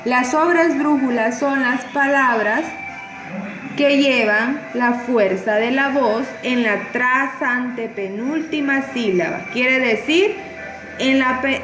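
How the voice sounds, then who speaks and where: Slow, deliberate woman teaching. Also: sits high. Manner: slow, stresses and repeats syllables. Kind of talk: spoken grammar lesson. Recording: echoey room with noise.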